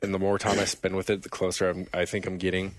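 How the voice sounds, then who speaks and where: A man co-hosting a casual gaming podcast, telling stories in a rambling, animated way. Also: low-pitched, fast, dry recording. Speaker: podcast co-host.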